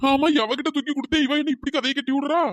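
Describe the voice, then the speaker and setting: A high, squeaky cartoon husband, as a voice actor puts him on, grumbling and scolding at a rapid pace. He turns fawning and pleading, and his pitch-shifted voice sits close and dry. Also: steady tone, no room sound. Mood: exasperated. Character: tall husband, exasperated and bickering. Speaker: cartoon character. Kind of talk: comic cartoon dialogue.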